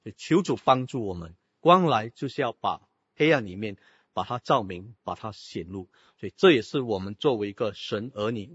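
A man preaches to his congregation, firing rhetorical questions at them and dropping in English words. His voice is husky and dry, and the recording sounds dull and lo-fi. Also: on the low side, a bit bright, dry recording. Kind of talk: sermon.

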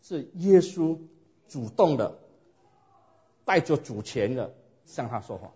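A man preaching a sermon and telling his own story in a lively way, often asking his listeners rhetorical questions. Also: mid-range voice, slow pace. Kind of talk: sermon with personal testimony. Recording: dull lo-fi recording.

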